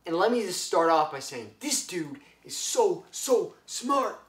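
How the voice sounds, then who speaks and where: A man's voice: high voice, unhurried. A young man talking casually about a book he loves, rambling with lots of fillers and acting out quotes. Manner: excitable, rambling, full of fillers, acts out quotes. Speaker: book vlogger. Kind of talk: casual book review vlog. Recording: echoey room.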